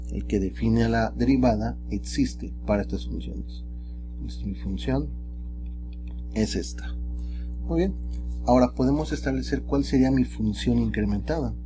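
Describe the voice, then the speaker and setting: A man teaching calculus in a relaxed, chatty way, often tagging his sentences with rhetorical questions. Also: on the low side. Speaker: math teacher. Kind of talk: recorded screen lesson.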